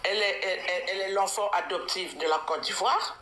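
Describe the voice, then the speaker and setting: A woman from Congo-Brazzaville calls into a live chat as an activist, speaking emphatically and repetitively with many hesitant restarts. Her mid-range voice is bright and forceful, and she talks fast. There is slight background noise.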